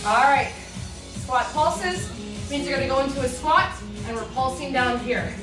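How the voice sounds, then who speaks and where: A woman's voice: high voice, animated, normal speed. A woman leading a home workout class as an aerobics instructor, calling out counts, form cues and encouragement. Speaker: fitness instructor. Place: indoor room, virtual workout video. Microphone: distant from the speaker. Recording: echoey room, distant mic, music behind.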